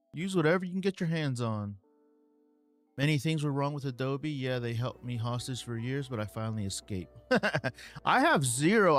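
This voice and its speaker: Laid-back man hosting a live Q&A. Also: on the high side. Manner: laid-back, calls viewers man and bro, many ums and uhs. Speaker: livestream host answering viewer questions. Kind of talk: casual live Q&A chat.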